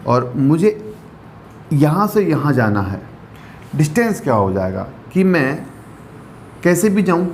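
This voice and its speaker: A man's voice: fairly high pitch, big pitch swings, a little slow, pauses often, darkish tone, slight background noise. A male maths teacher giving a classroom lecture, mixing in English terms and checking in often with rhetorical questions. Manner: mixes English terms into explanations.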